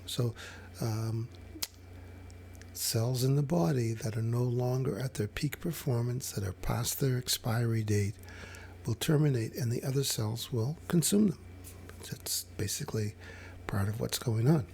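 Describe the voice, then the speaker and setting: A man explaining fasting over slides in a casual, hesitant way, with many fillers and restarts. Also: medium pitch, creaky, a little mellow, a little hiss or hum. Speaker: health educator.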